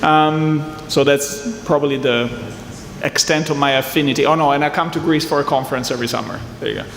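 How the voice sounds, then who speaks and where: A middle-aged venture capital investor from southern Italy, with an Italian accent, chats and jokes with the audience during a conference fireside chat on a panel. His slightly high, a bit bright voice is fairly even in intonation and a little fast. The conference hall echoes, with faint ambience and slight background noise.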